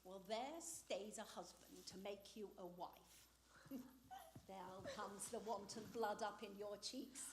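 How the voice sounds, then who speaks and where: A woman acting a fussy, weary old female nurse on a theatre stage, groaning and complaining in drawn-out verse. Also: medium pitch, background noise, close to an everyday voice. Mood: teasing. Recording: roomy theatre stage sound.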